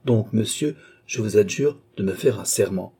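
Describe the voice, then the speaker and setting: A man's voice: fairly low pitch, moderate pace, warm tone, slightly rough. A man reading as a stern, moralizing doctor. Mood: solemn. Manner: solemn, commanding exhortation. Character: stern older male doctor, grave moralist. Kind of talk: audiobook character voice.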